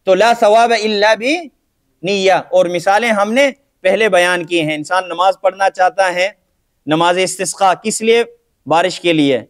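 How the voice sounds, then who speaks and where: A man teaching a lesson on Islamic jurisprudence, who poses rhetorical questions, answers them himself, and keeps checking that his students have understood. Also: high voice. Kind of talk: classroom lecture on Islamic jurisprudence.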